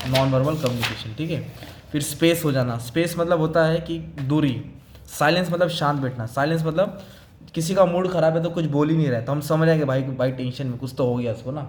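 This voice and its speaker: A man with an Indian accent teaching an exam-prep lecture, explaining slowly and rephrasing with everyday examples, mixing Hindi with English terms. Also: a little high, a little mellow.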